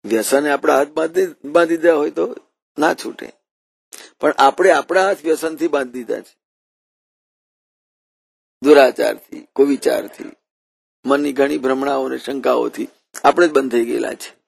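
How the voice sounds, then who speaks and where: Gravelly-voiced man preaching a sermon. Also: mid-range voice, moderate pace, pauses often, no echo. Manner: repeats and rephrases while narrating. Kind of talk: devotional sermon with storytelling.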